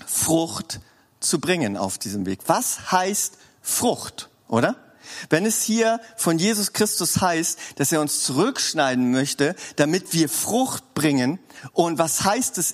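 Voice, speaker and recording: A male preacher delivers a sermon with a lively, swooping voice that climbs fairly high. He talks to the congregation conversationally, tossing in rhetorical questions and relaxed slang asides.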